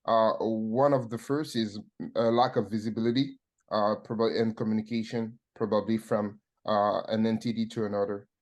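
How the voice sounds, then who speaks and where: French guy with an accent, consultant on a webinar, slow and halting, lots of uhs. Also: on the low side, flat delivery, darkish tone. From France. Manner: measured, halting, with many fillers. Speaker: supply chain consultant. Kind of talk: webinar guest talk.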